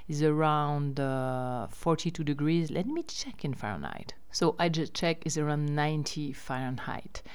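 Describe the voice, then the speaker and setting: Female host, deep clean tone, informal update delivery. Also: animated, unhurried, few pauses, clean tone. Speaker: host running a riverside lodge and campsite. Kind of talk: casual spoken news update.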